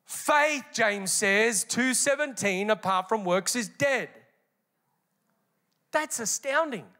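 Man, pastor, sermon, high voice, emphatic, repeats phrases. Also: animated, takes it slowly, sharp tone.

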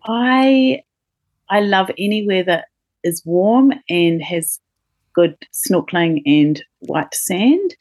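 A middle-aged woman, a podcast guest, chatting casually with many pauses and fillers and laughing now and then. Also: mid-range voice, lively intonation, a little mellow, dry recording. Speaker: podcast guest, company co-founder. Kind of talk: casual interview chat.

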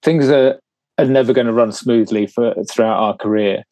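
Male podcast guest, British, warm low-key tone, dead dry mic, thoughtful and halting. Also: no room sound. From United Kingdom. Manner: thoughtful, halting with restarts, light laughs. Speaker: guest trainer. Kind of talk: casual podcast discussion. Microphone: podcast microphone.

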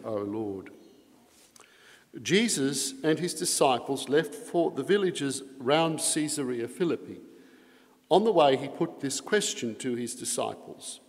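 A man serving as priest reads the gospel and then preaches a homily with earnest emphasis, his voice carried by a cathedral echo. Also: medium pitch. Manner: earnest preaching with strong emphasis on key phrases. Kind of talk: Mass gospel reading and homily. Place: large church. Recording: long echoing reverb of a large church.

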